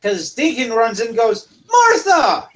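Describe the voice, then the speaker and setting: A man's voice: high-pitched, measured pace, poor audio. A man narrating as dungeon master in a casual, rambling way. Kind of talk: narrating a tabletop game.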